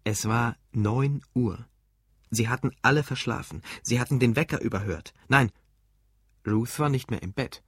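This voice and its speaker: Husky male audiobook narrator. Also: medium pitch, normal speed, dry recording, clean studio sound. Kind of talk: scripted narration.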